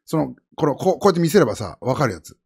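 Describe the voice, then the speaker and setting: Man streamer, casual chat, quick delivery, huge pitch swings, slightly husky voice. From Japan. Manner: rambling, animated, jumps between high and low pitch.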